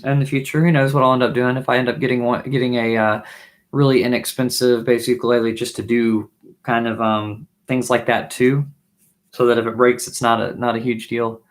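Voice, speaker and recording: A bassist in his thirties hosts a live stream from a small home music room, hoarse and losing his voice, clearing his throat. His medium-pitched, flat voice is brisk as he muses, trails off and restarts sentences while playing. He wears headphones, and a desk-distance webcam mic picks him up.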